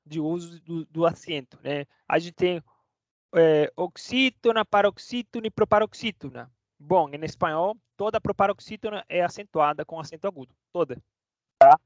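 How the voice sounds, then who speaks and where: This man, a Spanish teacher and native Portuguese speaker, runs a chatty, casual online class and checks in with students every few words. He sounds expressive, a little high, and moderately paced. The lo-fi audio is dry and dull with no room sound.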